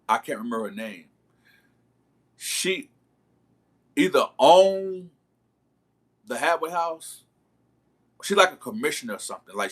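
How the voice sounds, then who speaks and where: Man, livestreamer, slangy storytelling, talks straight to viewers, crisp bright tone. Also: mid-range voice. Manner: slangy, chatty, keeps calling out to viewers. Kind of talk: casual storytelling to a live chat.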